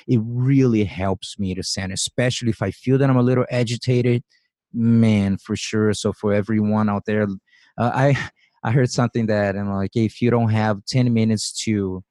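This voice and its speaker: This man in his forties hosts a podcast, chatting casually in an interview while rambling and playing out his thoughts aloud. His lowish voice is steady and a little mellow at a moderate pace, captured dry in studio quality.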